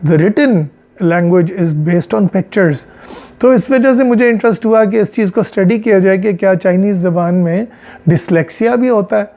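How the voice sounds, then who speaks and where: A man with a Pakistani Punjabi accent, a psychologist giving an explanatory lecture, talking in a measured way, working through examples and mixing in English phrases. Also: high voice, dark tone. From central Punjab, Pakistan.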